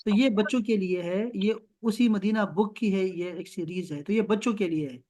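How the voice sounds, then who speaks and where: Over a video call, a man with a high-sitting, warm voice teaches an Arabic grammar lesson. He is encouraging, explains words slowly, and mixes in English.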